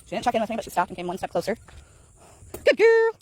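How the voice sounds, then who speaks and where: A woman dog trainer walking a dog in an outdoor park, explaining calmly and praising the dog in high sing-song bursts. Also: very fast, slightly rough. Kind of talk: casual vlog narration while training a dog. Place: outdoor park path near geese.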